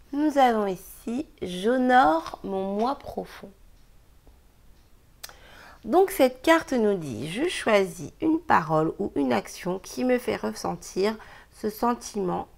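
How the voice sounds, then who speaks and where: This tarot card reader has a mid-range, creaky voice. She gives a casual daily card reading, chatty and emphatic, and laughs now and then while offering advice.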